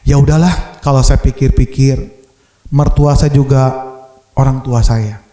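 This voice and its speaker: A man's voice: medium pitch, steady tone, measured pace, dark tone, reverberant, pitched below the performer's own voice, natural voice. A male preacher voicing his young wife as she talks herself into forgiving her mother-in-law. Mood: reflective. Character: young wife, softened and reconciling.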